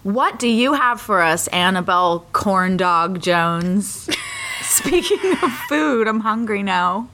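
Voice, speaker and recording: A woman co-hosting a casual chat podcast, telling an anecdote with animated acted-out voices and frequent laughter. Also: mid-range voice, slow, noisy background. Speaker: podcast co-host.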